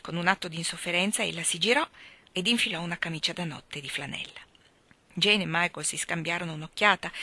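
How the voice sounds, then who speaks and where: A woman reading a children's novel aloud in a gentle storytelling way that sometimes drops to a hush. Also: fairly low pitch, no room sound. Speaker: reader.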